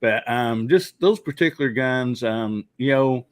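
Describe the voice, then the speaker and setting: A man's voice: mid-range voice, unhurried, no echo. A man hosting a casual live podcast, rambling with lots of fillers. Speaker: podcast host.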